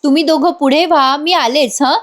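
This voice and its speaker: A sweet young bride soothes everyone in a gentle, high voice, as a woman reading a recap acts her out. She sounds calm and kindly. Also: moderate pace. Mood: friendly. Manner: soothing, reassuring.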